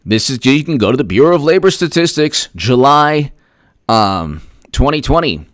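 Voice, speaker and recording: Sarcastic and emphatic, a man hosting a political livestream rattles through statistics and expresses thanks for viewer messages. He talks in a sing-song, medium-pitched voice at a moderate pace, and the recording is dry and studio quality.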